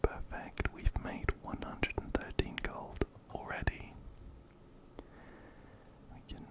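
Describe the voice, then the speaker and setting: A video game streamer and ASMR creator whispers softly right against a close-up binaural mic, ear to ear, during an ASMR game playthrough. He's unhurried, repeating phrases as he reads the dialogue aloud.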